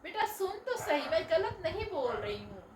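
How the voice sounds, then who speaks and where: Home family drama: actress as a reproachful middle-aged mother, high-pitched, roomy distant sound. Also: big pitch swings, moderate pace, darkish tone, slight background noise. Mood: pleading, reproachful. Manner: pleading, moralizing, reproachful. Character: worried middle-aged mother scolding her married daughter.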